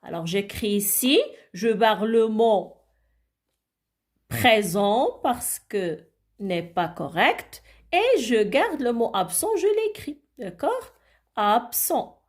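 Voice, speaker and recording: Woman teacher, kids lesson, slow, talks high and bouncy, keeps asking d'accord. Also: big pitch swings. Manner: patient, repeats words and asks "d'accord?". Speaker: primary school teacher. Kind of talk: French grammar lesson for young children.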